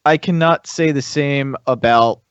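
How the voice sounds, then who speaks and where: This casual podcast chat features a male panelist reviewing toys, unsure of himself and reasoning aloud. He has a medium-pitched, clean voice, a little slow, with no echo, captured in slightly dull, lo-fi audio.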